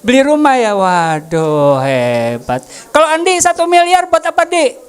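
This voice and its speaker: A woman's voice: fairly high pitch, huge pitch swings, measured pace, clear, resonant tone. A woman preaching a casual sermon, joking and asking the congregation questions. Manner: jokey, asks the congregation questions.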